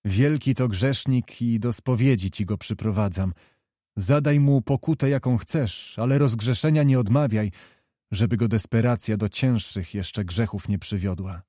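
Man reading as hearty old prince, commanding, jovial, dark mellow tone, dry sound. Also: on the low side, normal speed, no echo, close to an everyday voice.

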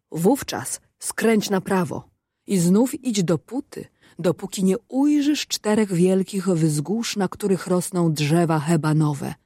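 A woman's voice: fairly low pitch, mellow, dry recording, clean studio sound, full character voice. A woman voicing a giant male genie made of mist in a storybook reading, solemn and imploring.

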